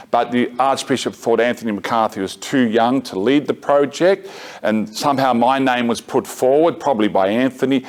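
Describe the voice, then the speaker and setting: Wry middle-aged man lecturing. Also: medium pitch. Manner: conversational, self-correcting, wry asides. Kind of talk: lecture mixed with personal anecdote. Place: parish gathering room.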